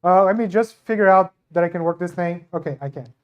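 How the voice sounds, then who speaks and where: A young Brazilian man, a native Portuguese speaker and astronomy researcher, talks fast in a high, clean voice through a handheld mic at a live event. His science talk is informal and self-deprecating, though the recording sounds muffled.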